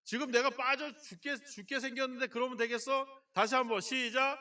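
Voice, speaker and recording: A male pastor preaches in a high, ringing voice, acting out scenes and firing questions at the congregation. The sound comes from a church sanctuary, with the voice a little distant from the mic. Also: brisk. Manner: lively preaching that acts out quotes and often asks the congregation questions. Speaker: senior pastor. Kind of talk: sermon.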